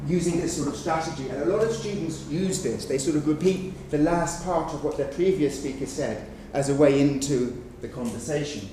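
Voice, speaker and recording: Warm-toned and on the high side, his voice keeps a normal speed with hardly any pauses as he presents research in a conference room, explaining examples patiently and leaning on "sort of". The recording is echoey, with a far-off mic and faint noise.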